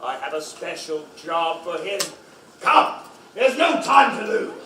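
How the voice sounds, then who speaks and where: A man voices a great noble lion in a children's stage show, proclaiming each line with stately command. The voice is high and bright. It sounds distant and echoey. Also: big pitch swings, measured pace, exaggerated voice. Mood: triumphant. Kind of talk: live children's stage play. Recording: echoey room from far off.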